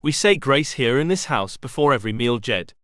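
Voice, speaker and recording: A man's voice: mid-range voice, expressive, a little fast, a bit bright, no echo, studio quality, natural voice. A man voicing a strict, stern man who runs a children's home and barks short orders at the children.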